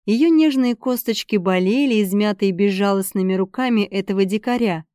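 Woman narrating with a mellow voice. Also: mid-range voice, moderate pace, no room sound, clean studio sound. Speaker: audiobook narrator. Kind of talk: scripted narration of a romance novel.

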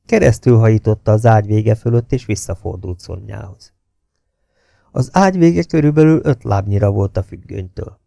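A man narrates a novel in a low, gravelly voice, measured and steady, sometimes sinking to a hush. His tone is dark and mellow. He is recorded close on the mic in a dry, dead room. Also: dry recording. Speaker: audiobook reader.

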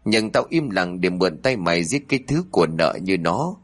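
A man voicing a cold, callous father in a horror story, calm and threatening. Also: sits low, moderate pace. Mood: menacing.

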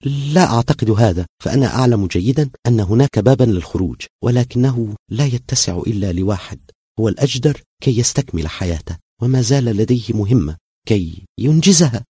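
A scared young woman on the verge of tears, put on by a man reading a spoken story, pleading in a raised, strained voice. Her tone is very husky and breathy, recorded close and dry with no room sound. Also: expressive, fast, warm tone, dry recording. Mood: sorrowful. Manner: pleading, fearful, raised pitch. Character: frightened tearful young woman. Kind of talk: audio story narration.

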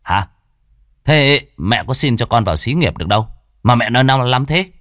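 A man's voice: lowish voice, sing-song, fast, fairly bright tone, no room sound, studio quality. A man voicing an idle, hot-tempered grown son in a spoken ghost story, snapping and dismissive.

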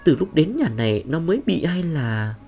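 A man's voice: fairly high pitch, big pitch swings, normal speed, creaky, mellow, voice pushed up. A man voicing an anxious middle-aged wife and mother who cries out shrilly in alarm. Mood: worried.

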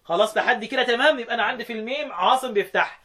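A man with an Egyptian Arabic accent teaching Quran recitation rules, chanting verses slowly and quizzing his student. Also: very high-pitched, pushed and bright. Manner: chants quoted verses slowly, then asks quick questions.

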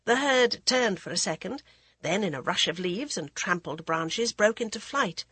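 Female audiobook narrator, husky, dry close recording, middle pitch. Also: lively intonation, normal speed, a bit bright, no room sound. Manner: voices characters with raised pitch. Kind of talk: scripted storybook narration.

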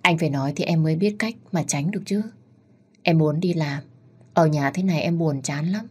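A woman reading the lines of a cheerful, chatty young wife in a storybook tale, with a husky voice. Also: low-pitched, fairly quick. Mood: pleading.

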